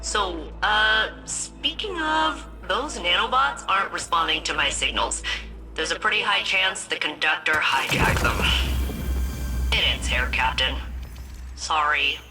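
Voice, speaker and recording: Deadpan ship AI, low-ish and wry. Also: female voice, a little slow, music in the background. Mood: casual. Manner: deadpan, offhand. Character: dry, sardonic female ship AI, world-weary.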